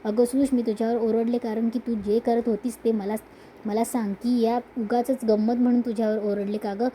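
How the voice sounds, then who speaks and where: A woman voicing a dutiful young wife and elder sister who pleads softly and earnestly. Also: a little high, little pitch movement, moderate pace, a little hiss or hum, close to an everyday voice, low-quality recording. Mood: earnest, worried.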